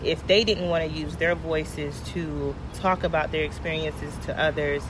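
A woman's voice: deep voice, steady tone, normal speed. A woman hosting a podcast in a casual, friendly, conversational way, speaking directly to her listeners. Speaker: podcast host. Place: outdoors on location, traffic behind. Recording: outdoor location with clear traffic noise.

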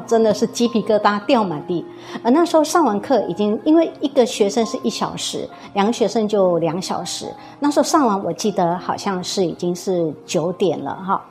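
A woman with a Taiwanese Mandarin accent, a music teacher, telling an eerie story in a lively, suspenseful way with many fillers. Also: mid-range voice. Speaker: guzheng teacher recounting a story. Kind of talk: casual storytelling.

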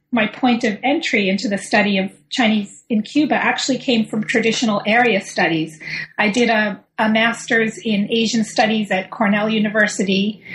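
A woman's voice: fairly high pitch, echoey room, a little hiss or hum, low-quality recording. An American woman historian answering interview questions in a hesitant way, with many ums. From United States. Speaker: historian, professor, guest.

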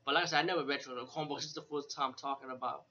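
A man reviews a horror film in retrospect as host, speaking rapid-fire in a mid-range, pushed, bright voice with fairly even intonation. He rambles without a script, swears some, repeats himself, and says "you know" a lot. The dull lo-fi audio has slight background noise from an air conditioner fan.

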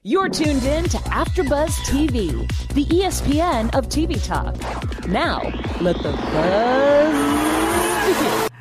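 High, drawn-out female announcer over loud music. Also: sing-song. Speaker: show intro announcer. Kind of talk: slow promotional announcement. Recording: produced intro with loud music.

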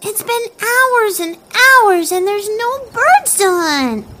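Woman doing a squeaky eager little girl. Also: lively intonation, slow, very noisy, heavily acted. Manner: childlike, eager. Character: naive cheerful little girl.

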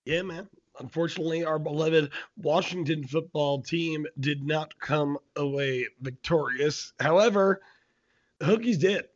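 A man with a slightly high voice hosts a sports podcast. He is warm and welcoming, and the audio is a little dull and lo-fi. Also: unhurried. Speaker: podcast host. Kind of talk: sports podcast hosting and commentary.

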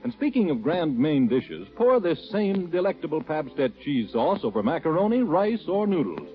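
A man giving a chipper, upbeat and emphatic sales pitch as an announcer in an old-time radio ad. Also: big pitch swings, moderate pace, soft background music. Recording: dull vintage radio recording.

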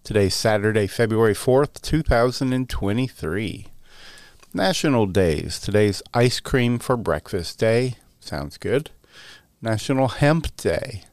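A man's voice: fairly low pitch, expressive, takes it slowly, no echo. A man hosting a podcast, reading out items in a welcoming host's manner. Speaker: podcast host. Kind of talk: scripted podcast news narration.

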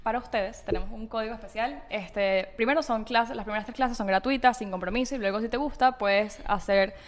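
A woman's voice: fairly high pitch, fairly quick. A woman, co-hosting a podcast, chatting casually and reading a sponsor spot with enthusiasm. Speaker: podcast co-host. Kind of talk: casual podcast chat with ad read.

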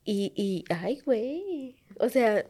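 Podcast co-host, woman, Mexican accent, soft-edged mellow tone, informal and slangy conversational delivery. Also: a little high, big pitch swings, slow. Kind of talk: casual true-crime podcast chat.

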